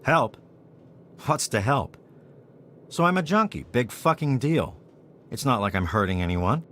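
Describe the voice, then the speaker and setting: A man's voice: mid-range voice, lively intonation, unhurried, a bit bright, slight background noise. A man voicing a defensive, evasive and irritable small-time drug dealer in a video game. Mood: defensive, irritated. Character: defensive, touchy male junkie selling drugs on the side. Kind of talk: video game character dialogue.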